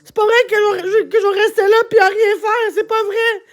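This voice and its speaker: A Québécois woman with a very high, piercing voice rants on a livestream. She shouts and swears constantly and sounds tearful and upset. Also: flat delivery, normal speed. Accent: Québécois French. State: upset, crying at times. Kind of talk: angry livestream rant.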